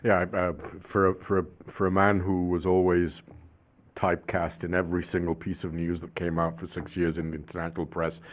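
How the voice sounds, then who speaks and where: Low-voiced man, reflective panelist. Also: level tone, fairly quick. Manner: reflective, expansive, with restarts. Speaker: panelist, former ambassador. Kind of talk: panel discussion.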